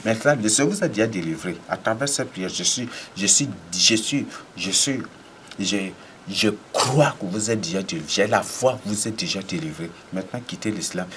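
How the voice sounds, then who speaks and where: Low-voiced man preaching. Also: expressive, moderate pace, noisy background. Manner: commanding, repetitive declarations with sudden emphatic rises. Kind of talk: deliverance prayer and preaching.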